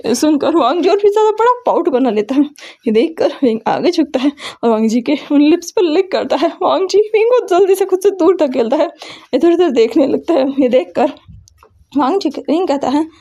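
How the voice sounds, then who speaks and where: A woman's voice: sits high, animated, moderate pace, warm tone, lo-fi sound. A woman retelling a fan fiction story, often correcting herself mid-sentence. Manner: narrating with frequent self-corrections.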